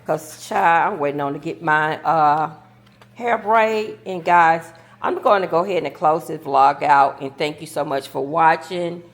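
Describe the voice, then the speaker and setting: A woman's voice: sits low, unhurried. A woman in her fifties, a grandmother, chatting casually with her viewers in a folksy, talkative way. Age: 50s. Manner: chatty, folksy, talks while eating cake. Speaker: vlogger. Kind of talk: casual chat.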